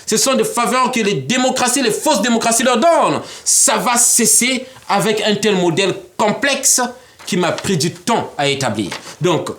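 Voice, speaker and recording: A man lays out his political ideas as an interview guest. His voice sits high and swings widely up and down as he explains. He talks in an animated way, often slipping into little acted-out exchanges and laughing. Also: moderate pace. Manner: animated, acts out imagined dialogues, laughs often.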